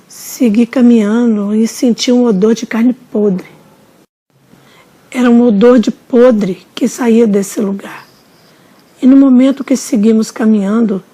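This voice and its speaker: A woman narrating a religious testimony in a solemn, measured storytelling manner. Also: fairly high pitch, dark tone, breathy edge. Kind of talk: slow dramatic testimony narration.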